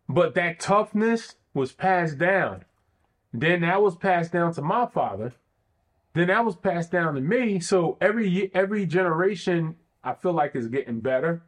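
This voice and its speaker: Earnest, thoughtful man in conversation. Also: high voice. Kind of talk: reflective conversation.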